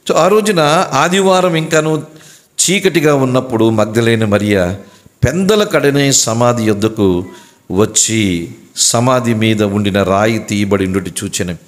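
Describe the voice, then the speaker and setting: Slow, emphatic preaching man. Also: animated. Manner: slow and emphatic, repeating phrases with rising and falling pitch. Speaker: pastor. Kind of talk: Easter sermon.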